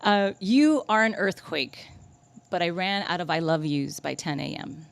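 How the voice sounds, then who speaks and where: A woman poet reads her work at a coffee shop poetry night, her voice sitting a little low. She takes the lines with deliberate, measured care. Between pieces she turns chatty and makes fun of herself. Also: vocal fry. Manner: deliberate, measured delivery of poems, chatty and self-deprecating between them. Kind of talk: live poetry reading with casual asides. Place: coffee shop reading event.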